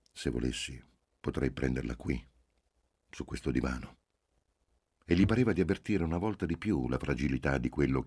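Very deep-voiced man reading a novel. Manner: measured, even-paced reading with soft voiced dialogue. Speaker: audiobook reader. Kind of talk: literary audiobook narration.

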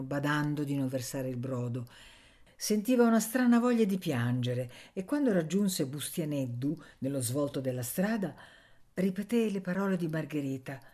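Low-voiced woman reading a novel. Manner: measured, expressive. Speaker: audiobook reader.

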